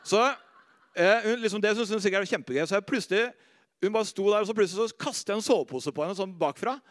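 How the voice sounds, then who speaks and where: Male preacher, middle-aged, high voice, anecdotal and animated, dry close sound. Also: no room sound. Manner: animated storytelling, laughs at himself, drops soft and slow on faith lines. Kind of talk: sermon with personal stories.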